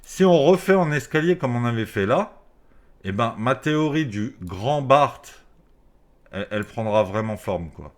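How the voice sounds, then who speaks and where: A man with a fairly low voice talks through a face mask. He comments on the markets off the cuff, as a video host would, in a casual, slangy way with the odd swear word. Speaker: crypto trading video host.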